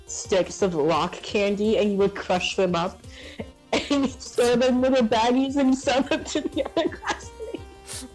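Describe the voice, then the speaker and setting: A woman chatting casually on a stream, telling stories hesitantly with many pauses and ums. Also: fairly high pitch, a little mellow, faint music behind, low-quality recording. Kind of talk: casual storytelling.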